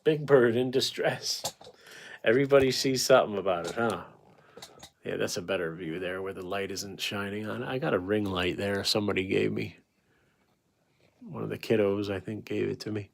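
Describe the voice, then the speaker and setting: Slightly hoarse man chatting on a livestream. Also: lowish voice, brisk. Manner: rambling, thanks viewers by name, answers chat aloud. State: voice going hoarse from long talking. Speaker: livestream painter. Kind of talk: casual livestream chat. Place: home painting setup with ring light.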